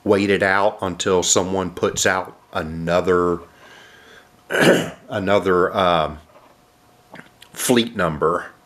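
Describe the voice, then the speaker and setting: Nasal from a cold, a man casually narrates as he unboxes model airplanes, clearing his throat often and making lots of filler sounds. His voice is low, though fairly bright in tone.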